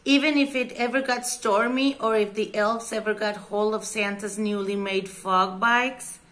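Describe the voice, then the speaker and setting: A woman storyteller reading a children's story aloud, slow and expressive. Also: medium pitch.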